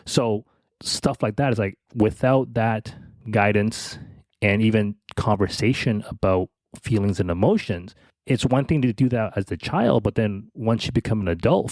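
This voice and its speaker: A man co-hosting a podcast, telling a reflective personal story in a halting way, with restarts and soft laughs. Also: lowish voice, no room sound. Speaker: podcast co-host.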